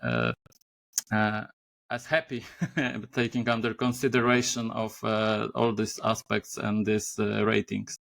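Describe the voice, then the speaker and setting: A man hosting a podcast interview, speaking haltingly with many filler sounds. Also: fairly low pitch, creaky, a bit bright. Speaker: podcast host. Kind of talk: conversational interview.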